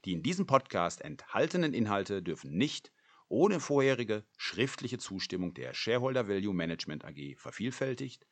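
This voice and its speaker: A man's voice: on the low side, big pitch swings, moderate pace. A man reading out a scripted legal disclaimer in a formal, fine-print manner. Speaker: disclaimer announcer.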